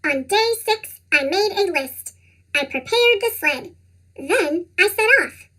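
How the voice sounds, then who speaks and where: Squeaky, very high chipmunk storybook narrator. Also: slow. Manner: animated, expressive read-aloud. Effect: pitched-up chipmunk voice effect. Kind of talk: scripted storybook narration for children.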